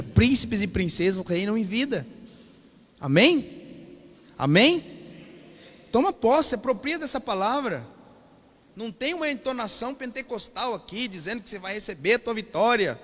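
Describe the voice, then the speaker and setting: A Brazilian pastor preaching in church, his voice very high and bright, with a long reverb trailing off the hall walls. He calls out questions to the congregation in a call-and-response style. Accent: Brazilian Portuguese. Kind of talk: sermon.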